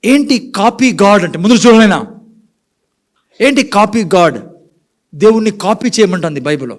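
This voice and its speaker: High-voiced preacher, hushed then loud. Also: male voice, lively intonation, normal speed. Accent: Telugu, Rayalaseema. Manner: preaches with rhetorical questions, swings between hushed and loud; mixes in English words and phrases. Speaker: pastor. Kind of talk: sermon. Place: church.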